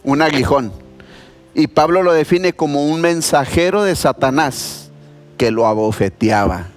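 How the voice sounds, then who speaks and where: A man preaches in a church, his voice pitched somewhat high. He talks to the congregation like friends and tells stories with lively energy. Faint instrumental music plays under him. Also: a little slow. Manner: conversational, animated storytelling with voiced quotes. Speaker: pastor. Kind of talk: sermon.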